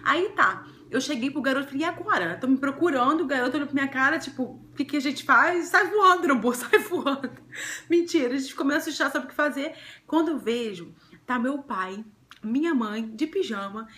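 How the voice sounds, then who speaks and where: A young Brazilian woman vlogger telling a personal love story to camera, chatty and animated, often breaking into giggles. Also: high-pitched. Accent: Brazilian Portuguese.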